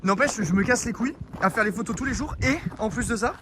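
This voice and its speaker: Streaming live on a town street, a young man jokes around with his viewers and teases the chat, sounding slightly winded. He's a fast talker with a high-pitched voice, and background noise carries through.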